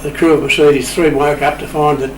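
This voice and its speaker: This man's voice sits fairly high with little pitch movement, and he talks fairly quickly. As a guest on a radio club interview, he tells anecdotes informally. The mic is distant in an echoey room, with clear noise.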